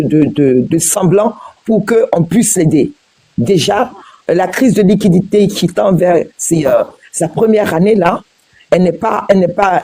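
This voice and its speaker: A woman's voice: lowish voice, warm tone, breathy edge. A woman from Guinea in a heated panel debate, firing repeated pointed questions with many hesitations and restarts. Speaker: debate participant.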